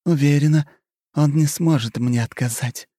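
A man's voice: on the high side, moderate pace, dark tone, no room sound, studio quality, voice pushed up, close to an everyday voice. A man voicing a coy scheming countess. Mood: coy teasing. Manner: coy, teasing, mock-sighing. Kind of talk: audiobook character reading.

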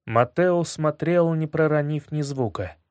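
Measured male audiobook narrator, dry sound. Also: a little high, darkish tone, smooth, no echo. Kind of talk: first-person storybook narration.

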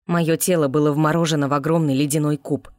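Low-voiced woman reading an audiobook. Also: fast talker, no room sound, studio quality. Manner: expressive reading in first person. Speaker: audiobook narrator. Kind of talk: scripted audiobook narration.

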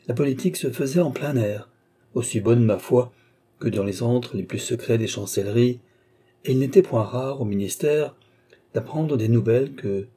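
A man narrating a classic novel as an audiobook in a measured, even storytelling manner. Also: medium pitch, slightly rough. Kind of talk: scripted narration.

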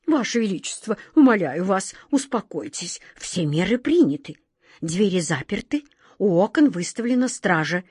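A woman's voice: medium pitch, big pitch swings, normal speed, slightly rough, no room sound, studio quality. A woman voicing a pale, timid male courtier speaking apologetically to his king. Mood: anxious. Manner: hushed, apologetic.

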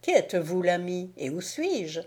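A woman's voice: lowish voice, very animated, a little slow, a little mellow. A woman reading an audiobook, voicing a skeptical armored knight who speaks bluntly.

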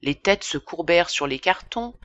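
A woman narrating a classic novel as an audiobook, in a measured, expressive reading. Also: fairly low pitch, dry recording, dull audio. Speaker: audiobook reader.

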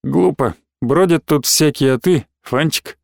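A man voicing a mysterious street boy who speaks in a curt, quiet, dismissive way. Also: on the high side, a little slow, creaky, no echo, studio quality.

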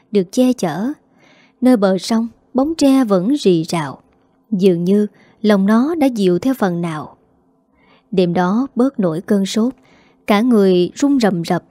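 A woman storyteller reading a scripted story aloud, steady and expressive. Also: medium pitch, dry recording, clean studio sound. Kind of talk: scripted narration. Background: faint background music.

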